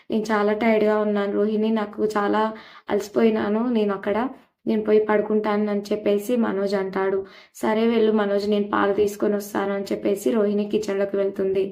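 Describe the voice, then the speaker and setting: A woman's voice: medium pitch, dark tone. A woman retelling a TV serial episode in a plain storytelling way, with many filler phrases. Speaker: serial recap narrator.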